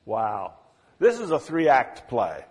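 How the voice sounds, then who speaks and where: A man preaching a sermon, retelling a story with dramatic emphasis and swings between loud and quiet delivery. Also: medium pitch, wildly swooping pitch, takes it slowly, husky. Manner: dramatic retelling, acting out quoted lines.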